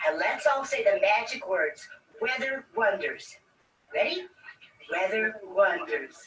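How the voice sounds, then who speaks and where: A woman plays a doting storybook Mother Goose in a live children's show. She coaxes like a kids' party magician, slow and sing-song, with lively swoops. The sound is roomy and set back from the mic. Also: mid-range voice. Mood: excited. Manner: exclamatory, sing-song, coaxing children with simple repeated phrases. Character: Mother Goose, sweet doting nursery-rhyme storyteller lady. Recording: roomy echo, distant mic.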